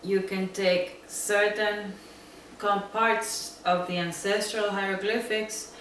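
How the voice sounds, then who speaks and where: A woman from Central America answering interview questions, slow and thoughtful, often pausing with ums. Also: medium pitch, level tone, a bit bright, slight background noise. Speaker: interviewed designer. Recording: echoey room, mic at a distance.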